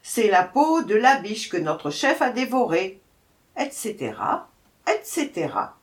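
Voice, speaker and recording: A woman's voice: medium pitch, very animated, unhurried. A woman voicing a small, timid male hare who asks singsong questions and answers in fear. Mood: fearful. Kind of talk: storybook reading.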